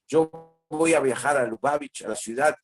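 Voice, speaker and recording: A man's voice: mid-range voice, normal speed, soft background music, lightly acted. A man voicing a confident, boastful wealthy man in a told story. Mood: self-assured. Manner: boastful, self-assured. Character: confident wealthy man sure money fixes all.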